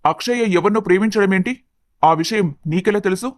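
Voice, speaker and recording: A woman voicing an irritated, scolding family man in an animated story, speaking impatiently. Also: medium pitch, brisk, dry recording, studio quality, voice pushed down, close to an everyday voice. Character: irritated stern family man, father and brother.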